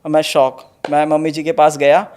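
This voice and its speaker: Young man, fairly high voice, earnest, storytelling, interview guest. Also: level tone, normal speed, darkish tone. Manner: earnest, storytelling, says "sir" often. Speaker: interview guest, exam topper. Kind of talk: conversational interview.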